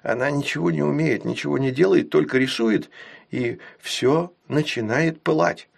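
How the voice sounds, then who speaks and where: A fussy, sly old man frets and sneers in a higher, thinner voice with his words hushed, voiced by a man reading a storybook. He whispers hotly when he is worried about money. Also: moderate pace, gravelly. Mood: agitated.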